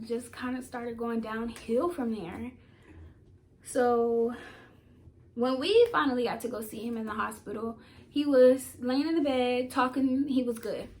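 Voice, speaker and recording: A woman's voice: fairly high pitch, darkish tone. A young woman in her twenties casually retelling a painful family memory to her viewers, heartfelt and emotional. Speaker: vlogger. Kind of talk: personal storytelling to camera.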